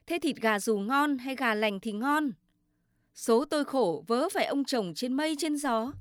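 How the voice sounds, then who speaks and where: A woman voicing a nagging village wife who loudly scolds her husband, in a storybook reading. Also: sits high, expressive, normal speed, dry recording, clean studio sound, voice pushed up. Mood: scolding. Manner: loud, complaining and scolding.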